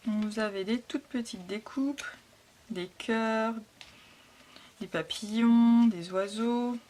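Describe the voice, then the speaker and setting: A woman hosting a casual scrapbooking haul, talking softly and hesitantly with frequent fillers. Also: a little high, slow pace, a little hiss or hum. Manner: soft, hesitant, lots of fillers. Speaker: scrapbooking vlogger. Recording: packaging crinkles and clicks behind.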